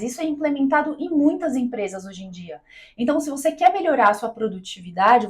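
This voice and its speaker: A woman from Brazil giving an explanatory talk to camera as a coach, didactic, checking in with her listener often. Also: fairly high pitch. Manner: didactic, checks in with "tá?" and "né?", acts out quoted voices. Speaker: business and mindset coach.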